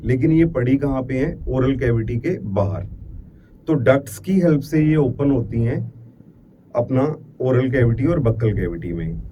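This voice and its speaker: Indian guy teaching bio in class, warm low-key voice, mic kinda far off w/ faint hiss. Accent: Indian English. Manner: mixes in English terms, repeats key words, asks and answers own questions. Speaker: biology lecturer. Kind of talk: classroom lecture. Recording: distant mic with faint background noise.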